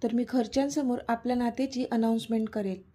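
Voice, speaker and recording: A woman narrator gives a young man in a romance, caring and gentle but firm when crossed, in a warm, somewhat high voice. His lines slip between soft coaxing and sharp scolding. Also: fairly even intonation, fast talker, husky. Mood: annoyed. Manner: soft and pleading, then stern. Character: young man, lover, protective and quick to anger.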